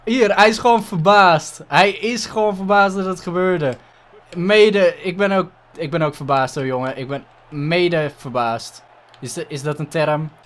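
A man with a Dutch accent giving casual gameplay commentary, excitable and swearing a lot, dropping English exclamations into his talk. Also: on the high side, a little slow. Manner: excitable, frequent swearing and frustrated outbursts. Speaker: gaming YouTuber.

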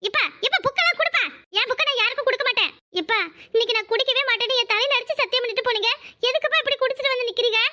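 Earnest cartoon teen girl, very high and bright, southern Tamil Nadu accent, pleading, as a woman voices her. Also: steady tone, very fast. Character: earnest teenage schoolgirl, top student. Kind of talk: cartoon voice acting.

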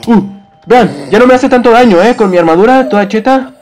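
A man's voice: very high voice, fast talker, darkish tone. A young man giving Let's Play commentary as he plays a game, chatting with viewers and yelping and screaming whenever he gets scared. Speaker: gaming youtuber.

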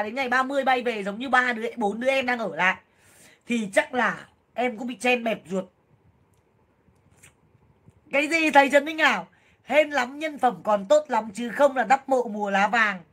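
A woman in her thirties on a casual livestream, loud, blunt and jokey, full of exclamations as she talks to viewers. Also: on the high side. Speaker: livestream seller and vlogger.

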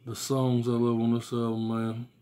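With a warm, mid-range voice, completely flat delivery and normal speed, an American man in his forties casually reviews albums in an unscripted vlog. He is blunt and slangy and swears, speaking from a small room at home. A phone or tablet at arm's length makes a noisy recording with clicks.

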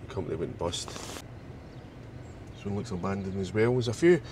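A man, a regular explorer vlogger, who narrates calmly and then talks in a low-key, matter-of-fact way while walking outdoors. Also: a little slow, background noise. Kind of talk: scripted narration and walking commentary. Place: outdoors, village and graveyard. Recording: music behind the voice.

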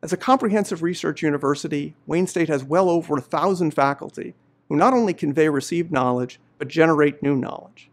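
Gravelly man giving a formal address. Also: fairly high pitch. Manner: measured, earnest speech. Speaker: law professor giving faculty greetings. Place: indoor studio before a university banner.

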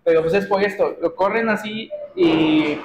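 A man's voice: high-pitched, normal speed, background noise. A man with a Mexican accent explaining things thoughtfully in a casual chat.

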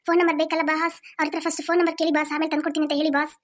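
A woman voicing a dim, obedient male kidnapper henchman in a cartoon, mumbling low and deferential. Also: monotone, rapid-fire, lightly acted. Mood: worried. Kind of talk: cartoon voice acting. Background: music.

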